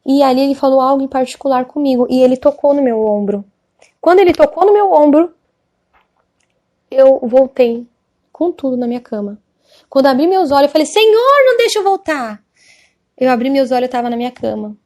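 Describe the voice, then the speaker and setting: A woman's voice: high-pitched, fairly quick, dark tone. A Brazilian woman giving an emotional, earnest religious testimony, often asking her listeners "amém?". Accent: Brazilian Portuguese. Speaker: church member giving testimony.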